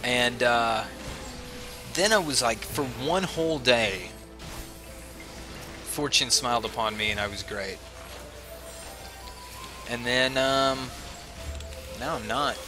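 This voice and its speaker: In a mid-range voice, slow and with frequent pauses, a streamer talks casually to his audience during a game, with game music underneath. He has a head cold and a chesty cough and rambles, making fun of himself.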